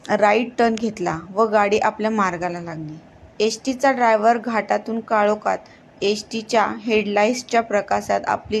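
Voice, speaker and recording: A woman's voice: medium pitch, creaky, a little hiss or hum. A woman narrating a horror story, reading steadily, often tripping and restarting her words. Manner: reads steadily with frequent slips and restarts.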